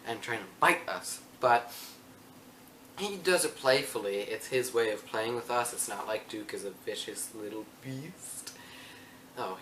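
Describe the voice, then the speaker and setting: A young man chatting in a casual solo vlog, playful and prone to wandering off topic. His voice is mid-pitched and sits a little back from the mic. The room adds a roomy echo and a faint hum of ambience. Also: fairly bright tone, far from the mic. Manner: rambling, self-interrupting, playful. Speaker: vlogger. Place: room at home.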